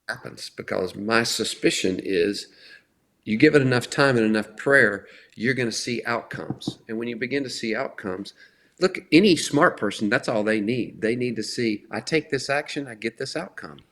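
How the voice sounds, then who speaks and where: A middle-aged man giving an earnest, conversational talk on faith, slowing down to stress key words. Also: mid-range voice, a bit bright. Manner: earnest, emphatic, often slows for stress. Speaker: faith speaker.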